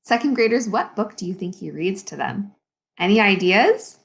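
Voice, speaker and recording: In a mid-range voice, a woman speaking as an elementary school teacher reads a picture book for children. Her reading is expressive and meant to teach, and she pauses to offer explanations and ask questions.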